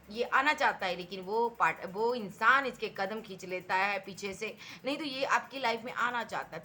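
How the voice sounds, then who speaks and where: A woman's voice: medium pitch, sharp tone, a little hiss or hum. A woman giving a tarot reading, talking emphatically and repeating herself as she addresses the viewer directly. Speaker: tarot reader.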